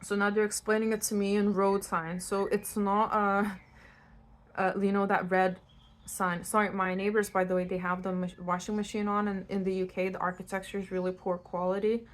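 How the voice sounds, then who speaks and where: A tarot reader from Lithuania talks to the listener directly, unscripted, blunt and conversational, on the channel she hosts. Recorded inside her new-build house, her medium-pitched voice has little pitch movement and a moderate pace.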